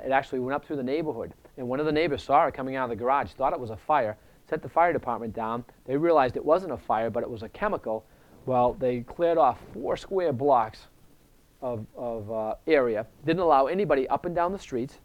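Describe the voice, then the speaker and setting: A man, a real estate investor, telling stories and giving advice in a casual, animated way, acting out the dialogue. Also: medium pitch. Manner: animated, acts out quoted dialogue. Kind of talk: casual storytelling advice talk.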